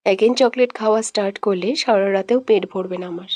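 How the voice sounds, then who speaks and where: A woman's voice: mid-range voice, fairly quick, darkish tone, no room sound, natural voice. A woman voicing a stern, possessive young husband in an audio love story, with a cold, commanding manner.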